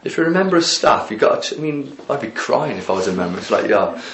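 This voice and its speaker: A man's voice: mid-range voice, very animated, fast, a bit bright, slight background noise. A man chatting casually in a documentary interview, rambling with lots of "like" and "you know". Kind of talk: casual recounting. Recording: echoey room.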